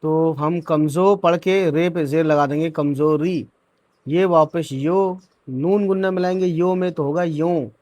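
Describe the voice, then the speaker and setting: An Urdu reading teacher with a slightly high, steady, mellow voice leads an unhurried letter-by-letter lesson for beginners. He sounds out each word syllable by syllable, then blends them, frequently checking in with "theek hai" and "hai na."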